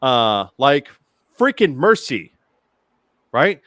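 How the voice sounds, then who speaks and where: A man's voice: mid-range voice, sing-song, slow pace, fairly bright tone, no echo, studio quality. A man co-hosting a podcast, talking casually with lots of stammering restarts. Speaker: co-host.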